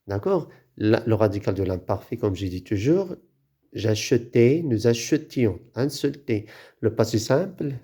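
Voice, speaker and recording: A man with a dark, mellow voice teaching conjugation. He drills each verb form aloud, one by one, in a slow and repetitive way. He keeps checking in with his listeners as he goes. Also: medium pitch. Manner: checks in with "d'accord?". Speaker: French teacher. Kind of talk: conjugation lesson.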